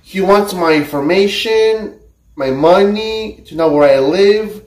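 Guy warning viewers on cam, high voice, repeats himself, far from mic. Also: slow, a little hiss or hum. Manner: emphatic, repetitive. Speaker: prank video host. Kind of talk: direct-to-camera warning. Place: small room and parked car interior. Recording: roomy, distant from the mic.

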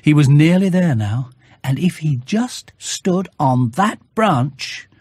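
A male audiobook narrator telling a children's story. He goes slowly and expressively, with wide swings of pitch and a slightly husky edge, recorded very dry. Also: animated, darkish tone, no echo.

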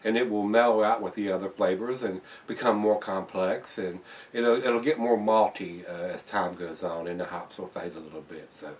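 A man's voice: sits low, fairly even intonation, moderate pace, distant mic. An older man casually reviewing a beer to camera in his home bar, rambling with fillers and restarts. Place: home bar room, indoors.

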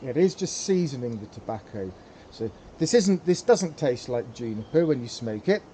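Mellow-voiced man explaining with many ums. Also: mid-range voice, animated, moderate pace, slight background noise. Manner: hesitant, many fillers and repeated words. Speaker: pipe tobacco hobbyist, channel host. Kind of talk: casual how-to demonstration.

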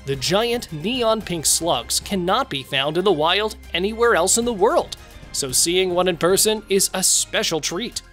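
A man reading scripted nature documentary narration as a presenter, in measured phrases. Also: high-pitched, expressive, a bit bright. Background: music.

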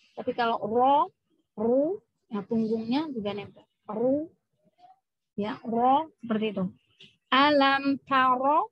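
A woman with a slightly high, breathy voice teaches Quran recitation rules during a women's session at a mosque. In this tajweed lesson she patiently draws out Arabic example words to demonstrate the sounds. The recording has no room sound and its highs are cut off.

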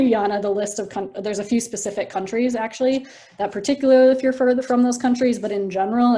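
A woman researcher talking in a Q&A over a video call, quick and enthusiastic, often breaking off and restarting. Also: mid-range voice, dark tone. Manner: quick, enthusiastic, self-interrupting. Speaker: researcher and seminar presenter. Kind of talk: casual discussion in Q&A.

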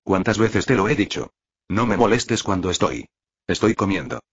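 A man's voice: lowish voice, lively intonation, moderate pace, dull audio, a little hiss or hum, close to an everyday voice. A man reading a greedy minotaur tycoon. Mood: furious. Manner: gloating, greedy and furious. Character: cruel bull-headed minotaur tycoon, male, huge.

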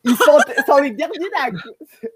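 Over wired earbuds on a group video call, a young Quebec French-accented podcast panelist talks effusively and repeats things for emphasis in casual discussion. His voice is extremely high with big pitch swings at a moderate pace, and a loud crowd can be heard.

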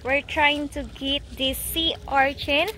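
A woman's voice: high-pitched, little pitch movement, sharp tone, slight background noise. Chatty young Filipino woman vlogging outdoors. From Philippines. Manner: chatty, halting, with many fillers and restarts. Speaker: travel vlogger. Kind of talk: casual travel vlog. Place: outdoors on a tidal flat and on a moving scooter. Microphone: handheld action camera at arm's length.

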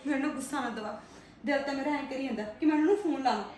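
A woman acting in a family drama, comforting and insisting in a quick, firm way. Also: high voice, a little mellow. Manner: comforting, insistent, fast-talking. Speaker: actor in a family web drama. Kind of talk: scripted family drama dialogue. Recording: echoey room, far from mic, faint noise.

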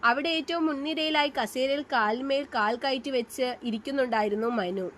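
A woman reads a romance story aloud in a measured, even way, her voice pitched high. A faint hiss sits under the reading. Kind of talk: scripted story narration.

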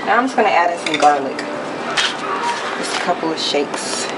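Young woman, lowish voice, home-cooking vlogger, casual how-to talk, loud pan clatter behind. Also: moderate pace. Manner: relaxed step-by-step explaining with fillers. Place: home kitchen at the stove. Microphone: camera held over the counter. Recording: loud kitchen noise behind voice. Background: pots, pans and sizzling.

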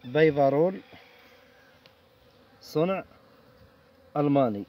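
A man's voice: mid-range voice, a little mellow. A man recording himself with a handheld phone outdoors on a farm, explaining in a plain, instructive way as he works at open beehives. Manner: plain, instructive, talks while working. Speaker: beekeeper and farmer. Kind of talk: hands-on demonstration narration. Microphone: phone camera held in hand. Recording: outdoor phone recording with clear background noise and insect buzz.

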